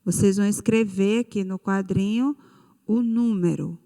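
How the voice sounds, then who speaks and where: A woman's voice: medium pitch, moderate pace, mellow, long reverb tail. A Brazilian woman teacher giving a recorded lesson to children, patiently drawing out key words. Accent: Brazilian Portuguese. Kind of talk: recorded online class for children.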